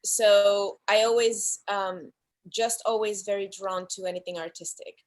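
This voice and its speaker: A woman guest from the Dominican Republic, chatting casually about her life in an interview over a video call, animated and often laughing. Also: medium pitch, a little slow, low-quality recording. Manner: animated storyteller, laughs often, acts out voices. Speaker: guest actress.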